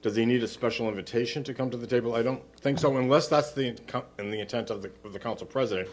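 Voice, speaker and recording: A man speaking as a city councilor in formal procedural debate, persistent and deliberate, sometimes off-mic in a chamber. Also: mid-range voice, a little mellow, slight background noise.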